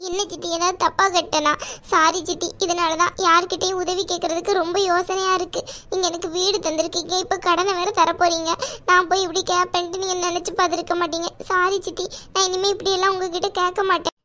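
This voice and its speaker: A woman's voice: very high voice, level tone, quick pace, bright, forceful tone. A woman voicing a timid young married woman in a cartoon, tearful, pleading and apologetic. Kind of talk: cartoon voice acting.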